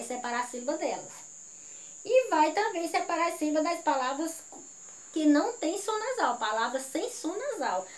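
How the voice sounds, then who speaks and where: A woman teacher reads a textbook lesson aloud, patiently repeating each instruction. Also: high-pitched. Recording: roomy echo with faint crickets.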